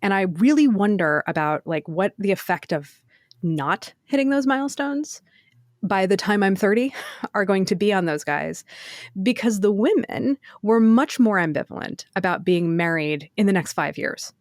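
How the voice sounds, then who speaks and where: A woman co-hosting a casual podcast discussion, animated and quick to laugh, acting out quoted answers. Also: mid-range voice, no echo, studio quality. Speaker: podcast co-host.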